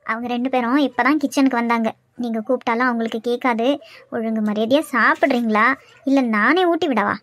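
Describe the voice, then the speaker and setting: A bossy cartoon daughter-in-law, voiced by a woman, firm and scolding in a Kanyakumari Tamil accent. Her voice is high, and the sound is dry and close. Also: fairly quick, fairly bright tone, no room sound, natural voice.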